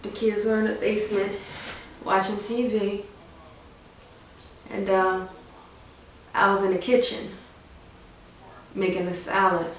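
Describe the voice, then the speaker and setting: A freshly widowed young mother, played by an actress in a stage monologue speaks slowly and haltingly from well back from the mic. Her voice rings through a very echoey room, hushed and numb, with pauses that give way to anguished cries. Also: medium pitch, flat delivery, far from the mic, slight background noise, close to an everyday voice. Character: grieving young mother, newly widowed soldier's wife. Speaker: actor performing a dramatic monologue.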